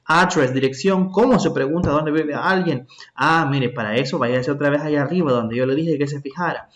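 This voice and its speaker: A man, his voice sitting a little higher than most men's. He walks learners through an English lesson in both languages, patiently and step by step, checking in with "ok?" after each point. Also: brisk. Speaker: English teacher. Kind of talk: bilingual classroom lesson.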